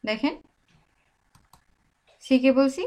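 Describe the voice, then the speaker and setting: A young woman with a high voice gives a language lesson at a very slow, deliberate pace. She says each sound again and again so the listener can repeat it after her. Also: mellow. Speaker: language tutor.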